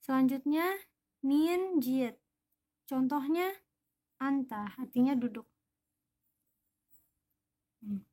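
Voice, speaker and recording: Slow, high-voiced woman teaching. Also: dark tone. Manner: patient, spells out each example word. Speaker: Korean language teacher. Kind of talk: slow explanatory lesson.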